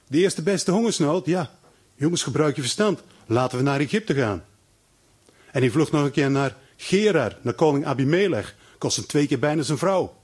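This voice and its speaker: A man delivers a sermon with a husky, slightly breathy voice that sits a little high for a man. He retells the story dramatically, slipping into the voices of the people in it and stumbling over repeated restarts. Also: lively intonation, normal speed, darkish tone. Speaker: preacher.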